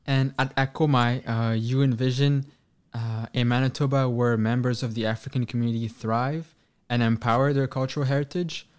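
A man hosting a radio interview, asking long questions in a halting way with fillers. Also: medium pitch, steady tone, a little mellow, clean tone. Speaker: radio host.

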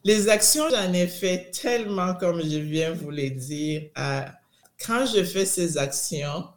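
A middle-aged woman from Congo with a Congolese French accent answering interview questions in a deliberate, emphatic way, often restarting and repeating words. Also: lowish voice, animated. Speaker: interviewee, immigrant community advocate. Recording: roomy echo.

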